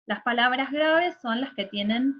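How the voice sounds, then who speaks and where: A woman teaching a recorded online lesson in a fairly high voice. She explains step by step and often checks in with her listeners. The sound is dull and lo-fi, like a home recording. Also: unhurried, slight background noise. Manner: patient, explanatory, checks understanding with tag questions.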